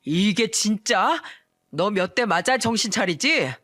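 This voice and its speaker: A woman's voice: medium pitch, lively intonation, moderate pace, natural voice. Woman playing a brazen, scornful middle-aged father. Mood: angry. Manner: shouting, scornful.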